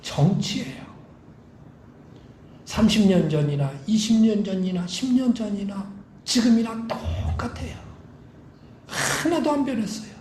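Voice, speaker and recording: Male pastor, high voice, emphatic sermon delivery in a roomy church. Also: a little slow, long pauses, darkish tone, a little hiss or hum. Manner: emphatic preaching, acting out quoted lines. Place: church sanctuary.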